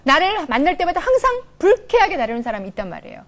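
Animated woman giving a coaching lecture. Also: extremely high pitch, fast. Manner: animated, acts out little dialogues in changing voices. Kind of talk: televised lecture. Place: studio with a live audience.

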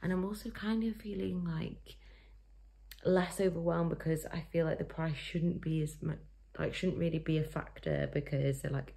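A woman's voice: low voice, creaky, mellow, husky. A young woman chatting to camera in her vlog, rambling with lots of fillers and side notes. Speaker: vlogger.

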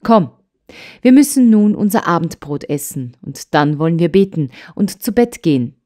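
A woman voicing a kind, earnest old grandmother in an audiobook, admonishing gently and soothingly. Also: on the low side, lively intonation, normal speed, natural voice. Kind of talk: audiobook character voice.

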